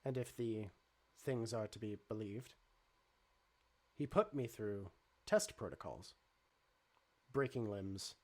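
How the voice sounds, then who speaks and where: A man voicing a vengeful but polite male robot in a tabletop game, speaking in low, measured, formal sentences. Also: animated, full character voice. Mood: grim.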